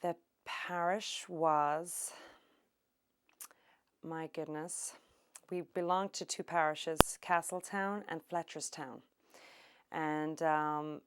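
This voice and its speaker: Low-pitched woman from ireland, middle-aged, remembering her childhood slowly, lots of ums. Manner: unhurried, thoughtful, with many ums. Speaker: oral history interviewee. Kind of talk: reminiscing interview.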